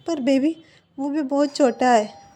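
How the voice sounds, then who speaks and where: Whiny, clingy pregnant young man, high and mellow, read in a storybook telling by a woman narrator. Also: unhurried. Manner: whiny, pleading.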